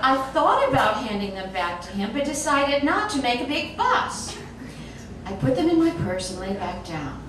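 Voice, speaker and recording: This is a high-pitched woman reading a comic story at normal speed, telling it with animation and expression. The mic is distant, the room very echoey, and the recording noisy.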